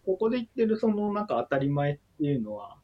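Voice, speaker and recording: A man's voice: on the high side, big pitch swings, quick pace, dull audio. A man who is a book author guest, speaking politely and hesitantly on a livestream with many fillers. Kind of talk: casual livestream chat.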